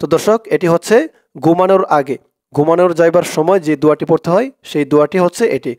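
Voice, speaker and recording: A man with a Bangladeshi accent teaches Arabic prayers. He spells out the syllables quickly, then chants the whole words slowly. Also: a little high, a little mellow, no room sound, clean studio sound. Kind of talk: spelled-out recitation lesson.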